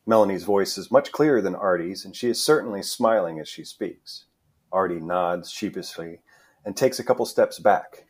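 A man narrating a play, reading the stage directions in a steady, measured way. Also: low voice, breathy edge. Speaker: guest narrator.

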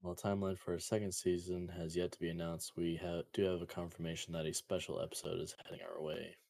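A man's voice: sits low, level tone, fast, gravelly, darkish tone, no echo. A man co-hosting a podcast, chatting in a laid-back, sleepy way. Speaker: podcast co-host. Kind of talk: casual chat.

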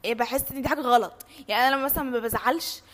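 Young Egyptian-accented woman, quick casual talker with a slightly high pitch. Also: a bit bright. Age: young adult. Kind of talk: casual animated group chat.

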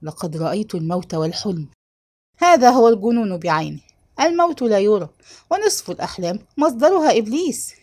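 A woman voicing a harsh, sharp-tongued male neighborhood chief who scolds in a read-aloud story. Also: mid-range voice, lively intonation, fairly quick, close to an everyday voice. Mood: scolding.

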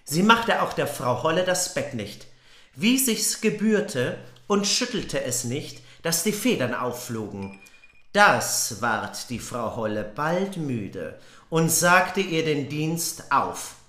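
A woman's voice: sits low, big pitch swings, slow pace, fairly bright tone. A woman co-hosting a podcast, reading a fairy tale aloud with playful banter and joking interruptions. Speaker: podcast co-host. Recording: roomy echo.

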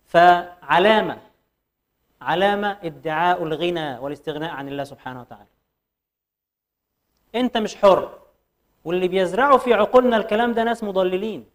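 A man with an Egyptian Arabic accent giving a religious lecture, firing rhetorical questions and reciting verses slowly. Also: sits high. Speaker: preacher.

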